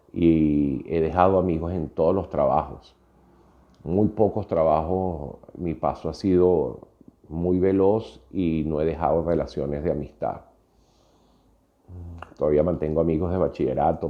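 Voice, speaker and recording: A man's voice: rumbling low, dull audio. A Venezuelan man in his fifties with a Venezuelan Spanish accent, telling a personal story in a reflective podcast monologue with frequent hesitations. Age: 50s. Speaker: podcast host.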